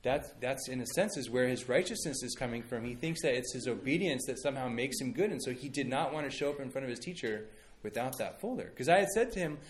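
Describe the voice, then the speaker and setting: A man's voice: medium pitch, animated, fast talker, slight background noise. A man in his thirties, a pastor giving a conversational sermon and telling stories with many fillers and restarts.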